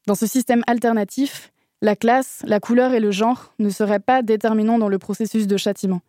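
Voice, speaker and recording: Woman reading her activist column on the radio, higher mellow voice, dry close sound. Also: fairly even intonation, moderate pace, no echo.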